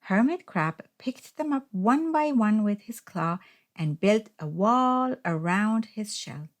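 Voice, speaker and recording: A woman narrates a children's picture book at a slow pace in a medium-pitched voice. Her delivery is deliberate and expressive, clearly scripted storytelling. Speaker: storybook reader.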